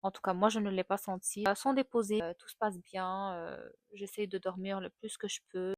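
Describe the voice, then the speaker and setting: A woman's voice: mid-range voice, brisk, dry recording. Young woman, casual candid storyteller with lots of fillers, recorded close with a dry sound. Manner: candid, animated retelling with many fillers. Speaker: vlogger.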